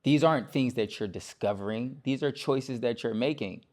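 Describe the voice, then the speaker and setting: A man who is the guest in a casual studio podcast conversation, speaking deliberately and firmly as he presses his point. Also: medium pitch, darkish tone.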